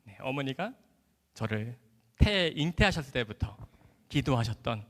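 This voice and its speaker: A man who is a doctor giving an animated church testimony, acting out dialogue and laughing often as he tells his story. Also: mid-range voice, measured pace. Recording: echoey hall.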